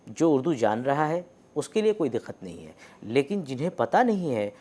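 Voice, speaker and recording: A male lecturer with a lively, mid-range voice gives an academic lecture on script and pronunciation. He explains slowly, hesitating often and demonstrating sounds aloud.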